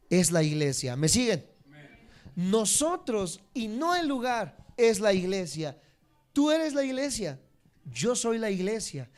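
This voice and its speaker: A man's voice: darkish tone, clear, resonant tone. A man teaching a church congregation, speaking to them directly and repeating key words. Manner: swings between emphatic high peaks and dropped low endings. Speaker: Bible teacher.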